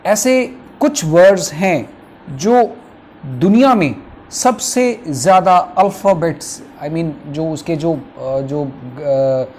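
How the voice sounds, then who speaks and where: A young man with an Indian accent teaching English vocabulary in an online lesson, slowly splitting long words into syllables with many fillers. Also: on the high side, expressive, darkish tone, a little hiss or hum. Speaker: English teacher for exam prep.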